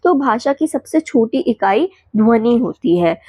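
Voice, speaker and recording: A woman teacher going quickly through exam revision points, listing definitions and checking in with the class as she goes. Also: fairly high pitch, lively intonation, mellow, slightly rough, no room sound.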